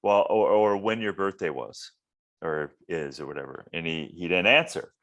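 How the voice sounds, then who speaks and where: A man's voice: deep voice, lively intonation, moderate pace, fairly bright tone, lo-fi sound. A man from Minnesota hosting a casual interview podcast, rambling and repeating words as he searches for what to say. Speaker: podcast host.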